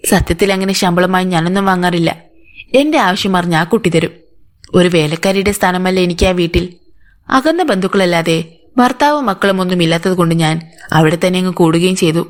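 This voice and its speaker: A woman's voice: fairly low pitch, brisk, lightly acted. A woman voicing an older housemaid who gives anxious, defensive answers to police. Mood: pleading. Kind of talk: audiobook character voice.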